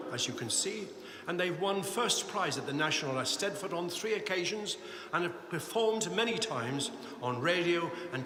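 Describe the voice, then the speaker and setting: A man's voice: on the high side, pushed and bright, a little hiss or hum. A man announcing choirs and judges at a live cathedral competition, chatty and correcting himself as he goes. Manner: chatty, self-correcting, apologetic asides. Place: large cathedral. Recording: echoey cathedral with long reverb.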